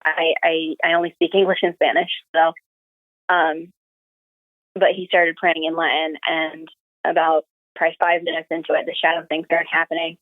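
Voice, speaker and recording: Calling in remotely to a podcast, a young woman recounts her personal stories plainly and conversationally. She speaks at a normal speed in a low voice with little pitch movement, and the dry recording sounds narrow, like a phone line.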